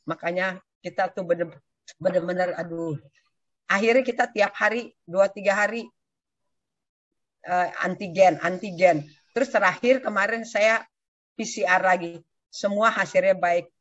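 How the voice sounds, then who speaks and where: A woman's voice: medium pitch, normal speed, dry recording. An older woman sharing a personal testimony with her church community, telling her story with animation and acting out what others said. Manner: animated storyteller who acts out quoted speech. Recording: dull, dry lo-fi recording.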